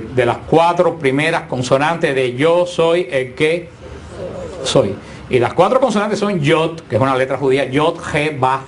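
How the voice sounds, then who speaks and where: A man teaching a Bible class who explains points slowly, often asks his listeners questions and repeats himself. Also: fairly high pitch, a little hiss or hum.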